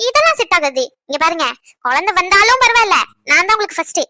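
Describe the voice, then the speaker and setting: In a cartoon, a woman voices a young expectant wife who is jealous of her unborn daughter and teases her husband. Her exaggerated voice is very high, rapid and sharp, with big pitch swings and a dry, close, echo-free sound. She moves from playful to scolding, then tender.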